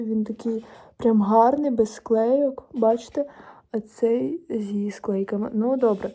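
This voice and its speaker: A woman's voice: on the high side, mellow. Teenage Ukrainian girl, chatty vlogger. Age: teens. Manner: chatty, rambling, many fillers and restarts. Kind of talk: casual chat to camera.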